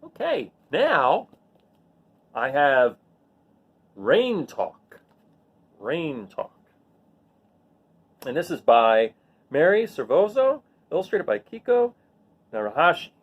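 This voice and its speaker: His voice sits on the high side and sounds husky, with the highs cut off in the recording. He reads picture books slowly, pausing often, making the most of the sound words and talking simply with the children listening.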